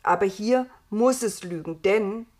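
A woman voicing Adam, an earnest, serious young man, in a storybook reading, slow and grave. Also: medium pitch, a little mellow, lightly acted. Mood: firm.

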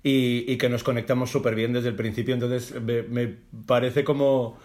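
A man's voice: medium pitch, little pitch movement, moderate pace, a little mellow. A young man hosting a podcast, chatting playfully and with enthusiasm. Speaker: podcast host. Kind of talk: casual podcast interview.

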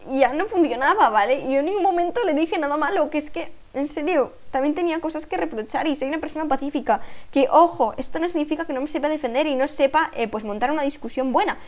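A woman's voice: high-pitched, fast talker, few pauses. A young woman telling a personal story on her podcast, chatty and full of fillers and asides to her listeners. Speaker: podcast host. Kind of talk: casual storytelling monologue.

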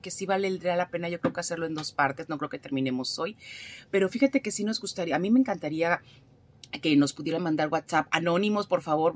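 A woman's voice: on the low side, a little mellow. A woman giving advice as a therapist on a radio talk show, speaking in a frank, colloquial, conversational way. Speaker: therapist, regular radio contributor.

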